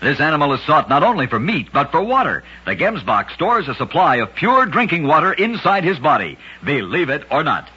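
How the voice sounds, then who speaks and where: A fairly high-pitched man with a husky, sharply bright voice narrates odd true stories for a vintage radio show, delivering them briskly with lively, rising and falling emphasis. Every tale snaps shut with a punchy catchphrase, and the old recording is dull and lo-fi.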